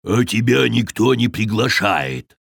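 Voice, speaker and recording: A gruff storybook bear, as a reader puts him on, grumbling in slow, husky tones. The reading sits in a dry, close recording. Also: mid-range voice, big pitch swings, no room sound, exaggerated voice. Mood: stern. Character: grumpy clumsy bear.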